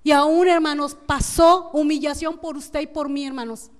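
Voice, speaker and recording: A woman pastor with a northern Mexican Spanish accent preaches a fervent sermon in a high voice. She keeps calling on the congregation as brothers and repeats her lines for weight. Her voice rings through a long church hall reverb. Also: fairly even intonation, moderate pace. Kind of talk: emotional Good Friday sermon. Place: church sanctuary.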